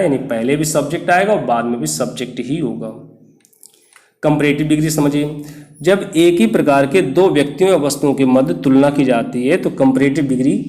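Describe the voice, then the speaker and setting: A man's voice: medium pitch, darkish tone. Male teacher in an echoey room. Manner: explains step by step, reads example sentences slowly. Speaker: English grammar teacher. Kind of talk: classroom grammar lesson.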